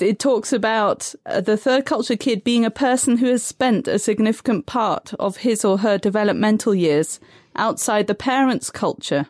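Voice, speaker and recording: Woman guest expert, methodical and calm, dry close recording. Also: mid-range voice, no echo. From Tanzania. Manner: calm, methodical, defines terms step by step. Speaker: guest expert on third culture kids. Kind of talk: measured explanatory interview answers.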